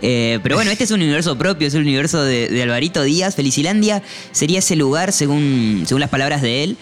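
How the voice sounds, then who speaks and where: A man co-hosting a casual music review chat, talking in a relaxed, chatty way with frequent fillers. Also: fairly high pitch, fast talker. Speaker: podcast co-host.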